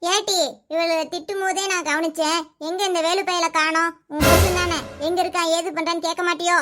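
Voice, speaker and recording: A woman voicing a sharp-tongued old grandmother in a cartoon serial. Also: very high voice, little pitch movement, brisk, heavy background noise. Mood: scolding. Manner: scolding, bossy.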